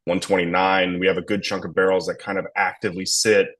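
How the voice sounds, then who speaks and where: Here a young distillery blender chats casually through a tasting, speaking quickly in a low, slightly bright voice with flat delivery. His talk is rambling and enthusiastic, packed with fillers.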